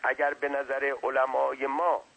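A man's voice: medium pitch, monotone, gravelly, a bit bright, pitched above the performer's own voice, rough recording. A man voicing a small, talkative non-human servant who speaks deferentially and lectures at length. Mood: lecturing.

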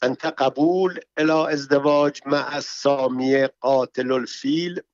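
A man plays a ceremonious cleric whose voice lifts higher and louder as he asks slow, formal questions. The recording is dry and close, with a muffled, narrow sound. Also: fairly even intonation, dry recording, lightly acted. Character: old-fashioned cleric officiating a wedding. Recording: dull, muffled audio.

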